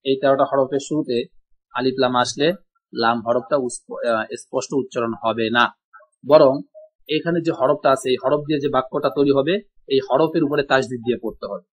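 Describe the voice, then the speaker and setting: A man teaching an Arabic class, speaking slowly and repeating each word for his students to echo. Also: mid-range voice, fairly even intonation, husky. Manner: slow, drills pronunciation, repeats words for students. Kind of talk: online language class. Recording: dull lo-fi audio.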